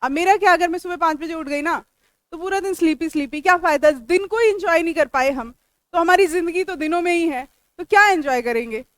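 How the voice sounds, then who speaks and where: High-voiced Indian woman teaching a class. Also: a little fast, fairly bright tone, no room sound. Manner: explains step by step, asks students questions; chatty and joking with students. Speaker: English teacher. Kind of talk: classroom lecture.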